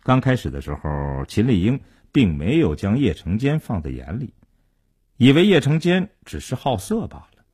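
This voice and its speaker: A male storyteller with a low, warm, husky voice who swings his pitch widely for drama. His narration sounds close and dry, with no room echo. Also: very animated, moderate pace. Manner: dramatic, widely varied delivery.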